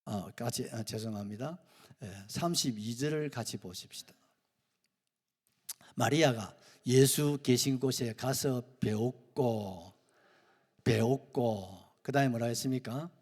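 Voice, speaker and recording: A male pastor with a Gyeongsang accent preaching a sermon, jumping from loud questions to hushed whispers. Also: medium pitch, unhurried, husky, in a large hall. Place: church sanctuary.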